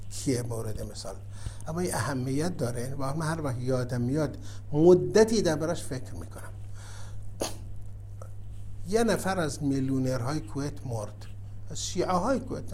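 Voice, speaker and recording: Male preacher, fairly high voice, tells a story in a sermon, drops quiet then rises to forceful urging. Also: slight background noise. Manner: storytelling, swings from soft asides to emphatic exhortation. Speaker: cleric.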